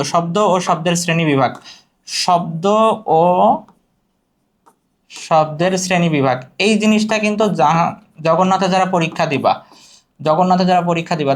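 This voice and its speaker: A man teaching an exam-prep lesson, asking questions and repeating the answers. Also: fairly high pitch.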